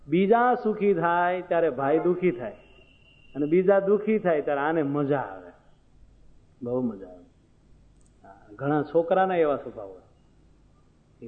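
A man, giving a moral sermon full of folk anecdotes and rhetorical questions to his listeners. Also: high voice. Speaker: preacher. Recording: phone-like sound, long hall reverb.

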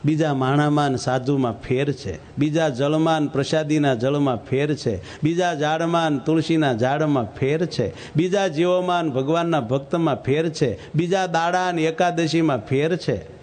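A man's voice: a little high, normal speed, darkish tone, close to an everyday voice. A man voicing a stern divine lord who commands and rebukes a devotee in a storytelling sermon. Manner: commanding, admonishing.

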